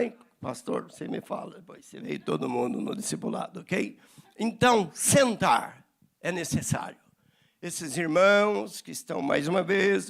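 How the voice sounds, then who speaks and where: A man's voice: high-pitched, vocal fry. A man preaching a sermon at church, acting out little dialogues as he teaches. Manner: animated preaching, acts out dialogues. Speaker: pastor.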